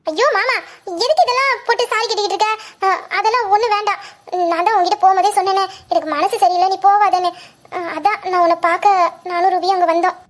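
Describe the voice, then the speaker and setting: A sweet young girl who dotes on her uncle, as a performer voices her, in a very high, piping voice that races along. She talks earnestly and fondly with light giggles. It is an audio drama. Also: quick pace. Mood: tender.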